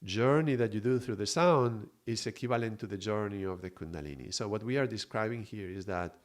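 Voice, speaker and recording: Male teacher, lowish voice, calm and reflective, talks to live viewers. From Mallorca, Spain. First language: Spanish. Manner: reflective, unhurried, greets viewers by name. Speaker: spiritual teacher streaming live. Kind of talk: live-stream spiritual teaching.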